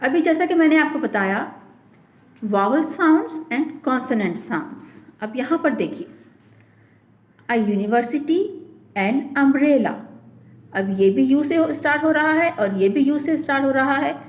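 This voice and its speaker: A woman teaching an English grammar lesson to a school class, explaining step by step and repeating example words slowly. She asks questions and answers them herself. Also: sits high, expressive, echoey room.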